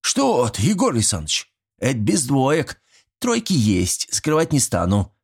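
A man's voice: medium pitch, huge pitch swings, a little slow, slightly rough, pitched above the performer's own voice, heavily acted. A man voicing a fussy, good-natured old village grandfather who talks in folksy rural speech, sighing and fretting. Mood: fretful. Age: older.

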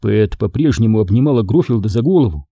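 A man reading a novel aloud as narrator, measured and expressive. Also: on the low side, breathy edge, no echo, clean studio sound. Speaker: audiobook reader. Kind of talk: scripted narration.

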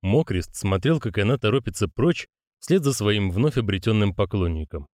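A man's voice: on the low side, normal speed, dry recording, studio quality. A man narrating an audiobook expressively, voicing the characters. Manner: expressive, theatrical. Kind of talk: audiobook reading with character voices.

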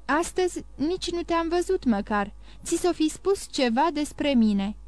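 A woman's voice: high voice, animated, no room sound, voice pushed up. A woman reading an audiobook voices a loving young granddaughter who questions her grandfather in a pleading, affectionate way. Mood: anxious.

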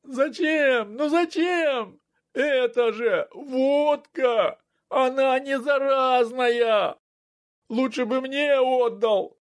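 A man's voice: very high voice, drawn-out words, voice pushed up, heavily acted. A man doing a whining drunk. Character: pleading down-and-out middle-aged drunk man.

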